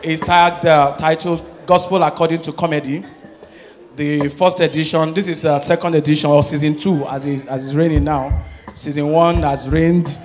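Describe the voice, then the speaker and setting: A Nigerian man doing stand-up on stage, his voice sitting high for a man. He tells his stories with animated energy and slips into pidgin and acted voices as he goes. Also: normal speed. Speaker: stand-up comedian. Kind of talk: stand-up comedy set. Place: live comedy stage with audience.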